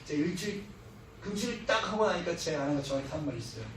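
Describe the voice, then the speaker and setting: A middle-aged missionary speaker preaches in a church hall, telling humorous stories and acting out what people said. His voice is fairly high, expressive, and fast. The echoey recording sounds far off, with slight background noise.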